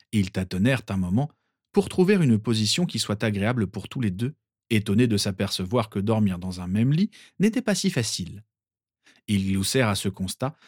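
A man reading fan fiction aloud in a calm, expressive narration. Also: fairly low pitch, no room sound, clean studio sound. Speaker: reader.

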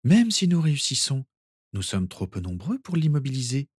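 A woman's voice: very deep voice, sing-song, moderate pace, darkish tone, slightly rough, no room sound, voice pushed up, exaggerated voice. Man reading young witch auror, skeptical, dry sound. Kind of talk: audiobook character reading.

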